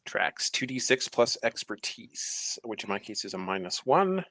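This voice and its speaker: A man plays a tabletop game in a lively, bright voice, thinking his way through aloud. The sound is dry and close. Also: fairly low pitch, measured pace, dry recording. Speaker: player. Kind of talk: casual tabletop play.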